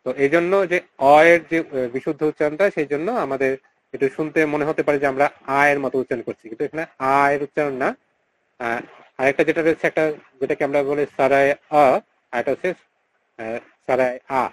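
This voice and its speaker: A man teaching mantra recitation in an online class, repeating syllables slowly and chanting lines in a drawn-out tone over a video call mic. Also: fairly high pitch, fairly even intonation, rough recording. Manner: slow, repeats syllables to model pronunciation.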